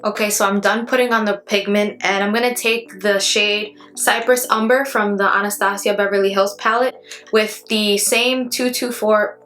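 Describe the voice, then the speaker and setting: A woman presents a casual makeup tutorial with music playing behind her. She talks in a chatty way, straight to her viewers, at a medium pitch. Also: fairly bright tone. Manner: chatty, addresses viewers directly. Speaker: beauty vlogger. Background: background music.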